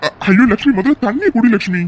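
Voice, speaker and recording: An actor voices a concerned cartoon father. He coaxes and comforts his wife in a steady, middle-range voice, and a faint hiss sits behind it. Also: mid-range voice, fast, close to an everyday voice. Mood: worried. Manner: soothing, coaxing. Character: worried, soothing older father.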